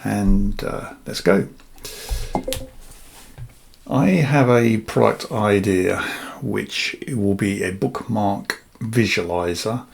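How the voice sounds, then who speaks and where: A man half whispering as he casually talks through his software project, thinking aloud with frequent fillers. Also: fairly low pitch, gravelly. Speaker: software developer vlogger. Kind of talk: casual screen-share walkthrough.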